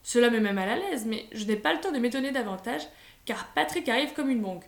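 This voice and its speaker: A woman reading a children's story aloud in a lively, expressive way. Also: fairly high pitch, brisk, creaky. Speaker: audiobook reader. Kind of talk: scripted storybook narration. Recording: roomy echo.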